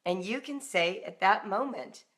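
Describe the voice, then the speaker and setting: Her mid-range, slightly bright voice is animated and moves at a measured pace. She's a middle-aged American woman who coaches parents on parenting and homeschooling, hosting an informal live talk where she speaks emphatically and directly, as if conversing with listeners.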